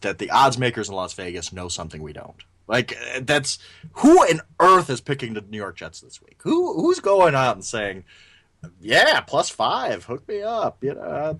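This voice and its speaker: A man co-hosting a casual sports podcast, animated and opinionated, often restarting his sentences as he talks. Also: medium pitch, normal speed. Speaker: podcast co-host.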